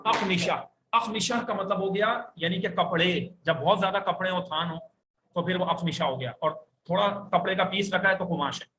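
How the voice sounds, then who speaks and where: A man with a Pakistani Urdu accent teaching an Arabic class, slowly drawing out each word for his students to repeat. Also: high-pitched, pushed and bright, slight background noise. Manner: slow, drawn-out modeling of words for students to repeat. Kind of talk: classroom language lesson.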